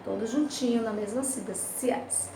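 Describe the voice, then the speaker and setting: A woman's voice: fairly high pitch, creaky. Brazilian woman teacher, patient, echoey room. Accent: Brazilian Portuguese. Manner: patient, checks in with tag questions, spells out syllables slowly. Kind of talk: remote class lesson, explaining grammar exercises. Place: home room, recorded for a remote class. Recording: roomy, distant home recording with loud background noise.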